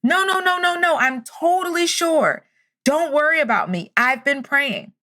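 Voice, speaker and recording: A stubborn man stuck on a flooded roof, put on by a woman telling a story. His voice is high and bright. He refuses every offer with repeated, insistent lines. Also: expressive, brisk, no room sound, clean studio sound, heavily acted.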